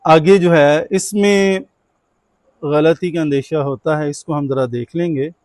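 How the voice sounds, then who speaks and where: A man teaching Quran recitation in an online class, firmly correcting students and drawing out the recited words slowly. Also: on the high side, fairly even intonation, darkish tone, dry recording.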